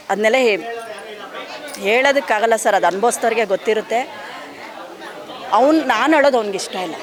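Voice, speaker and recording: Grieving middle-aged Kannada actress, crowd behind. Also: female voice, on the high side. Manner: heartfelt, measured, often addresses interviewer as sir. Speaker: actress interviewed about her son. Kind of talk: emotional interview. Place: outdoors at an event with a crowd.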